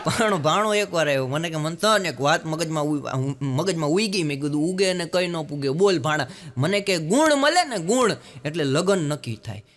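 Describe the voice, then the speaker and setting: High, bright-voiced comedian man. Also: normal speed. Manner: animated storytelling, acting out voices in bursts. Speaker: stand-up comedian. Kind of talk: stand-up jokes in Gujarati. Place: live stage show with audience.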